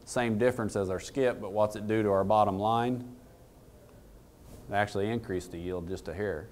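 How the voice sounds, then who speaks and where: A man's voice: on the low side, fairly even intonation, moderate pace, a little mellow, a little hiss or hum. A man in his thirties giving a casual technical talk to an audience in a conference room, plain-spoken and folksy, often asking the room questions. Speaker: equipment dealer presenter.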